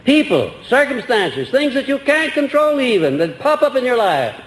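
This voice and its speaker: A man's voice: very high voice, very animated, moderate pace. An older man giving an earnest, rambling lecture to an audience, heard on an old archival recording. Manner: earnest, rambling with restarts and rhetorical questions. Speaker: lecturer answering audience questions. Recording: echoey old hall recording with faint hiss.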